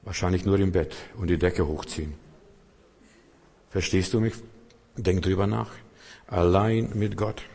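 Husky low-voiced man preaching in a reverberant hall. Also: fairly even intonation, unhurried, long pauses. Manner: fervent, swings between soft and loud emphatic passages. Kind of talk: sermon.

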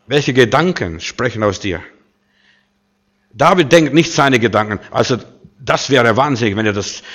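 Speaking at a medium pitch, a preacher delivers a forceful sermon that alternates booming proclamations with hushed asides and keeps posing rhetorical questions.

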